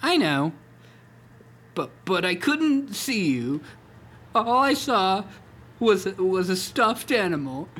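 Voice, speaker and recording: A man's voice: high-pitched, huge pitch swings, normal speed, a bit bright, husky, pitched above the performer's own voice, full character voice. A man reading a comedy fan story aloud and voicing a big, friendly old tiger with an eager, youthful voice. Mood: fond.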